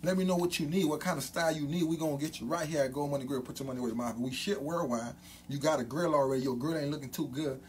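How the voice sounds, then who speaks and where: Speaking fast with a gold grill over his teeth, this hype man runs through catchphrases again and again and throws in loud ad-libs for a casual promotional vlog. His voice is a little high, and there's some faint background noise.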